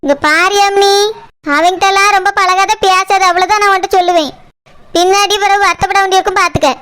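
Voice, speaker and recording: A stern, controlling older relative, voiced by a woman in a cartoon, scolding in a very high, bright voice. She speaks fast with a Kanyakumari Tamil accent. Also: steady tone. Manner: scolding, commanding. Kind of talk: cartoon voice acting.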